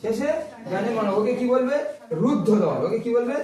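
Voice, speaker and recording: A man's voice: very high voice, animated, fairly quick, crowd noise. A male teacher giving a classroom grammar lesson. He keeps asking his pupils questions and draws out sounds to show how they work. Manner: asks the class frequent questions and stretches sounds to demonstrate. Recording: very echoey classroom, voice distant.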